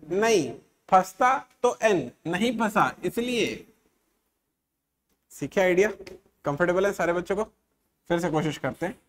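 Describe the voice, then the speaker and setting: A man teaching an exam-prep English grammar lesson, sounding out letters and words slowly and checking often that his students follow. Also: sits high, animated.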